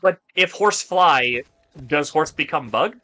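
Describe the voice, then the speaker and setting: A man's voice: on the high side, lively intonation, measured pace, sharp tone. A man streaming a video game, chatting casually with his viewers, rambling and joking and swearing often. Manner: rambling, joking, swears a lot while reading chat. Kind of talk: casual gaming stream chat.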